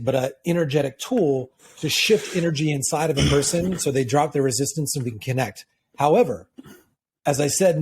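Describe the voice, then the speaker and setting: Husky-voiced man coaching on sales. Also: fairly high pitch. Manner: animated storytelling, acts out quoted lines. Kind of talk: conversational interview answer.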